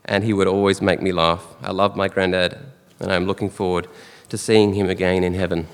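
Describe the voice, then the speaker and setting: An Australian man giving a fond, earnest funeral eulogy for his father, with soft chuckles between memories. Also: low voice, little pitch movement, fairly quick, clean tone. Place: church or funeral hall. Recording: long hall reverb.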